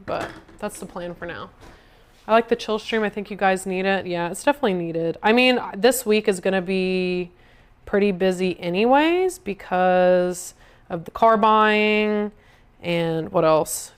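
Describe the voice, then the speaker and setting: Chatty woman streamer, smooth voice. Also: mid-range voice. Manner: chatty, talks to viewers while cooking. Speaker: livestreamer. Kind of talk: casual livestream chat. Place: home kitchen.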